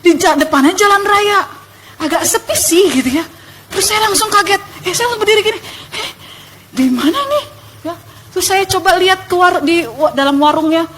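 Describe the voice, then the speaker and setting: A young woman telling her testimony in church, animated and emphatic, addressing the congregation. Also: very high voice, fairly quick, a little hiss or hum.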